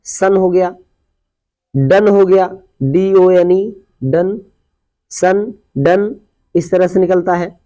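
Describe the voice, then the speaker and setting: A man teaching a pronunciation lesson, explaining step by step and slowly repeating example words. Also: sits high, fairly even intonation, mellow. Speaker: English teacher. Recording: dull lo-fi recording.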